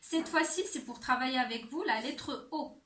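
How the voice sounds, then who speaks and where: A woman teacher giving a handwriting and sounds lesson to young children, speaking slowly and clearly. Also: sits high, a bit bright, echoey room. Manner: slow, clear teacher talk addressed to children. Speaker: primary school teacher.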